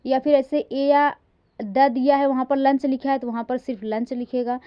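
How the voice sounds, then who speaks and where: A woman with a fairly high voice gives a grammar lecture. She slows right down to read each example sentence and stresses every word, then checks in with her listeners before moving on. The recording is dull and lo-fi. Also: fairly even intonation, clear, resonant tone. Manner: often checks in with "ठीक". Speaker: English grammar teacher. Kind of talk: classroom lecture.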